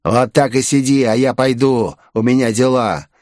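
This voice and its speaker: A man voicing a creepy male bandit who jeers in a grating, drawn-out voice. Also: mid-range voice, a little mellow, no echo, clean studio sound, lightly acted. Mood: mocking.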